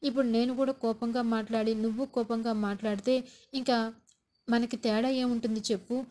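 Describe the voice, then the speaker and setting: A woman voicing a calm young husband who reasons patiently and soothes his wife. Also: on the high side, brisk, lightly acted. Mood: soothing.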